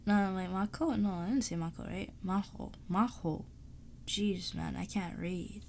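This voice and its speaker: A woman's voice: on the low side, steady tone, moderate pace, gravelly, darkish tone, slight background noise. A woman streamer, sick and sparing her voice, chatting casually and thinking aloud while she draws on a live stream. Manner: thinking aloud, rambling, laughs often.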